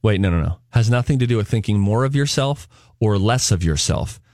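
A man's voice: lowish voice, animated, fairly quick, a little mellow, no echo. Earnest man on studio mic, dry sound. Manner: earnest, reflective, builds to preachy emphasis. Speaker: radio show co-host. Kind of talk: casual talk-radio chat.

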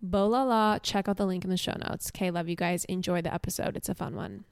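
A woman co-hosting a podcast in casual chat, talking eagerly and pitching products with enthusiasm. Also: steady tone, fast, vocal fry, clean tone, no room sound, clean studio sound. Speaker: podcast co-host.

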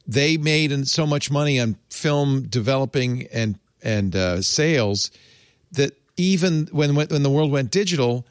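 A man's voice: mid-range voice, expressive, a little slow, no echo, studio quality. A man hosting a casual tech panel, chatty and emphatic, laughing often. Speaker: podcast host.

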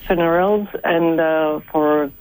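A shaken woman in her forties with a French accent, a native French speaker giving an eyewitness interview and haltingly searching for English words. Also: sits low, steady tone, darkish tone, smooth, poor audio. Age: 40s. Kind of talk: live radio interview.

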